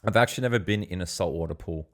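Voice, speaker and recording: Aussie bloke with a low voice hosting a chatty podcast, easygoing, lots of little questions. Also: male voice, rapid-fire. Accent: Australian. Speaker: podcast host. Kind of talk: casual chat.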